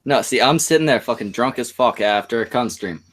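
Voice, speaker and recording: A man's voice: medium pitch, brisk, fairly bright tone, breathy edge. A man hosting a stream, telling a long crude story in rambling casual chat. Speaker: stream host.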